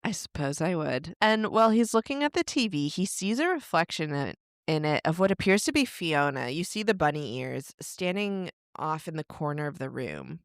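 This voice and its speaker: A woman's voice: sits low, sing-song, normal speed, few pauses, dry recording, clean studio sound. A young woman co-hosting a podcast, casually retelling a horror film's plot, laughing often and swearing freely. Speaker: podcast co-host. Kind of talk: casual film review chat, retelling the plot.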